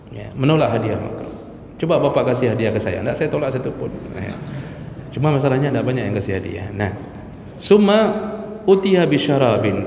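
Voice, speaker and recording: A man's voice: fairly high pitch, a little mellow, slight background noise. A male preacher giving a chatty, joking sermon lecture, talking straight to his listeners in a mosque. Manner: jokey, chatty, addresses listeners directly. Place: mosque hall. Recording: echoey mosque hall, faint ambience.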